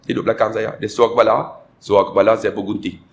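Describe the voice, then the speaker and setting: A Malaysian man preaching in a lecture hall, with a northern Malay accent, telling animated stories and acting out the voices in them. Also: on the low side, quick pace, vocal fry, slight background noise. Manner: animated storyteller, acts out quoted voices. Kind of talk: sermon storytelling.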